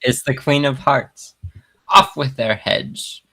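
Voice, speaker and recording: A man's voice: mid-range voice, animated, slow pace, creaky, pushed and bright. A man casually narrating an improvised fight, hesitant and full of fillers. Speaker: player.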